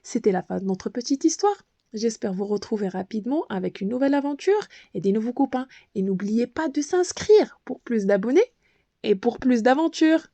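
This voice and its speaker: A woman narrates a children's bedtime story in a high, lively voice with wide swings in pitch. She reads gently and expressively, and the recording is close and dry. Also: moderate pace, no room sound.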